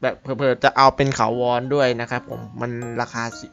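A man hosting a gaming channel, talking casually in a mid-pitched voice. He rambles, laughs and swears now and then. Faint music plays under him. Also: flat delivery, a little fast, a bit bright, muffled recording. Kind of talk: casual gameplay commentary.

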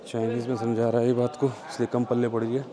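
Speaking fast in a mid-range voice with a completely flat delivery, a man films a casual travel vlog inside a crowded tourist cave. He points out sights to his viewers as tourist chatter fills the background.

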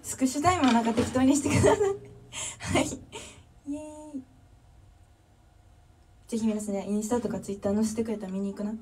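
A woman's voice: a little high, a little fast, pauses often, a little mellow, recorded from a distance, a little hiss or hum. A young woman with a Kansai accent chatting casually on a livestream, reading viewer comments and thanking fans one by one. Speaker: drummer livestreamer.

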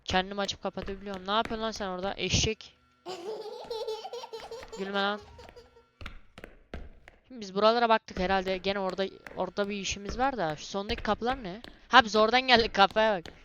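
A young woman doing let's-play commentary on a horror game, excitable and cursing, yelling at the monsters. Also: medium pitch, a little fast, pauses often, dull audio, crowd noise. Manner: excitable, swears and yells at monsters. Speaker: gamer playing a horror game.

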